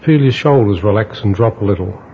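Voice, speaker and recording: Male relaxation guide, slow hypnotist delivery with long pauses, lowish pitch, dull lo-fi sound. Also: expressive. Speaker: relaxation instructor. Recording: dull lo-fi audio with faint noise.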